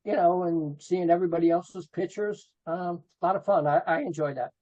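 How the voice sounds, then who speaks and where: A middle-aged rock photographer from New Jersey, USA, guesting on a podcast, talks fairly quickly in a high, warm voice with fairly even intonation. He reminisces informally, dropping "you know" often. The recording is dull, lo-fi call audio.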